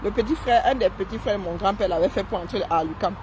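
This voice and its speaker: A woman's voice: medium pitch, fast talker, noisy background. A woman doing live-stream commentary while seated, mocking and sarcastic, often tossing in "hein?". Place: seated indoors.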